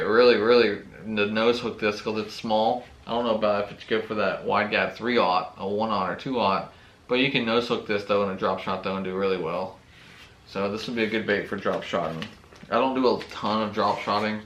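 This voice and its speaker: A man's voice: on the low side, a bit bright, reverberant, a little hiss or hum. A man hosting a fishing channel, casually unboxing tackle and talking with enthusiasm, often saying "really, really.".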